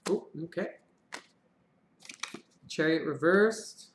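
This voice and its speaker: Guy doing a chatty tarot reading on a live stream, kinda high voice, swears a bit, echoey room. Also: slow pace, slight background noise. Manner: chatty, swears casually, murmured prayers to draw cards. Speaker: tarot reader. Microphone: live-stream mic.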